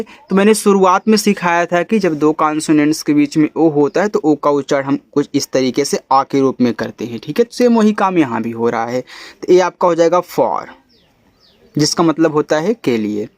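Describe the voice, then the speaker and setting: A man with a high, bright voice gives a step-by-step phonics lesson. He spells out each word letter by letter, slowly and a little louder, then sinks low and quiet to say the word. The sound is dry and close to the mic. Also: no echo. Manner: coaxing, checks in with "ठीक है?". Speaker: English teacher.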